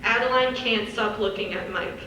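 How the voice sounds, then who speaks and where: A young adult woman reads stage directions as scripted narration for a live dramatic reading. Her voice is fairly high and sharp, at a normal speed, with the highs cut off. It was recorded from a distance in an echoey hall with faint noise.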